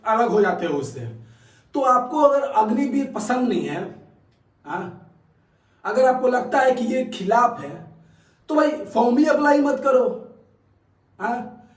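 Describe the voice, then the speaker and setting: A man's voice: sits high, recorded from a distance. A man who runs a fitness academy giving his opinions in casual talk to viewers, emphatic and repetitive, often checking in with a questioning "haan?". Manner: conversational, keeps asking "haan?" to viewers; emphatic, repeats points. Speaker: fitness academy coach and channel host. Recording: roomy echo, voice set back from mic.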